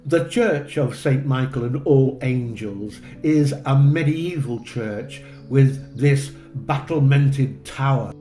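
A man narrating a tour of an old parish church in a measured, explanatory way, with gentle enthusiasm. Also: medium pitch, roomy sound. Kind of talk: unhurried documentary narration.

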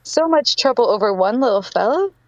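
A woman's voice: fairly high pitch, lively intonation, brisk, dry recording, dull audio. Giggly woman reading a fan fiction aloud. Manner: giggling through her reading. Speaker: narrator.

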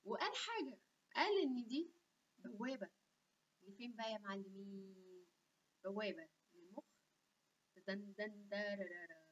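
A young woman with an Egyptian Arabic accent hosts a casual health channel vlog, talking animatedly and chattily with asides. Her medium-pitched voice has lively intonation at a moderate pace with frequent pauses. She is recorded on a webcam in a small room, and the audio is dull and lo-fi.

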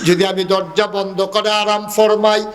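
A man preaching at a religious gathering, telling a story in a sing-song sermon manner with sudden high rises. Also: level tone, unhurried.

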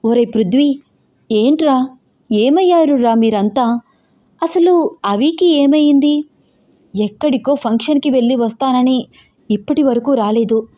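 A woman voicing an emotional, fiery young bride who fires off rapid, agitated questions. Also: on the high side, dark tone, natural voice. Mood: upset.

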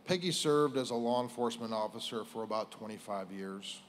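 Solemn American man giving a formal eulogy. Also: lowish voice. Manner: solemn, measured, pausing between short phrases. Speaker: police chief giving a eulogy. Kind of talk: formal prepared funeral speech. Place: indoors on a stage at a lectern. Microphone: lectern microphone.

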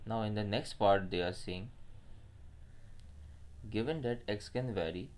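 A man's voice: on the low side, measured pace, darkish tone. A man with a Pakistani accent explains a maths problem step by step as a teacher, mixing Urdu phrases into his English.

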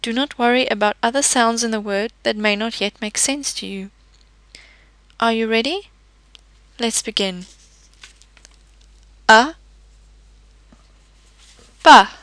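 A woman's voice: on the high side, normal speed, long pauses, a bit bright, clean tone, dry recording, rough recording. A woman teaching a pronunciation lesson, patiently explaining each letter with example words. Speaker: language teacher. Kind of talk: slow, careful pronunciation lesson.

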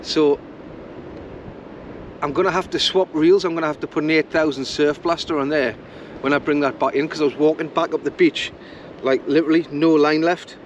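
A man's voice: a little high, steady tone, normal speed, muffled recording, a little hiss or hum. A man chatting casually to camera while fishing on a beach, rambling and thinking aloud as he goes. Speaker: fishing vlogger. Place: outdoors on a beach. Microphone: camera mic.

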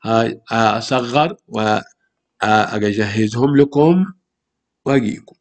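A man's voice: on the low side, slow pace. A man with an Egyptian Arabic accent teaching a primary school language lesson, patiently repeating words and asking rhetorical questions. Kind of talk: classroom lesson explaining grammar.

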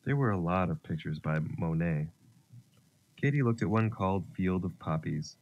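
A man narrating a children's story, gentle and expressive. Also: deep voice, normal speed, muffled recording, a little hiss or hum.

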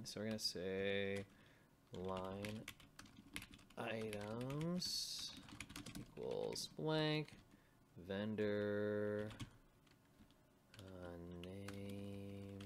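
A man presents an informal programming tutorial, thinking aloud and muttering to himself as he types on screen. His voice is lowish, with slight background noise.

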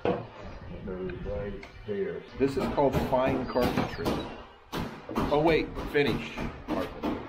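A man's voice: medium pitch, lively intonation, slow pace. A man cracking dry jokes while working on a door inside a house under construction. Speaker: builder. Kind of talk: joking work chatter. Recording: noisy job site.

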